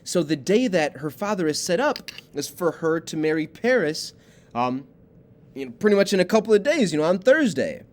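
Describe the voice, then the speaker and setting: A male teacher explaining a play in a relaxed, chatty lesson with lots of fillers. His voice is fairly high and swings widely in pitch. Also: normal speed. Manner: casual, many fillers. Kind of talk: literature lesson.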